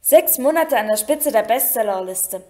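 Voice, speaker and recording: A woman's voice: on the high side, expressive, moderate pace, darkish tone, lightly acted. A woman voicing a vain, pompous, chattering male teacher in a storybook reading. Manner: pompous, self-satisfied.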